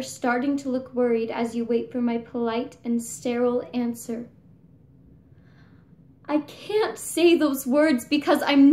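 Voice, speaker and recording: A young woman performing a dramatic monologue as a grieving seventeen-year-old girl who speaks bitterly to her mother. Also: sits high. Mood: anguished. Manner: raw and bitter, rising to anguished outbursts. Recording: echoey room.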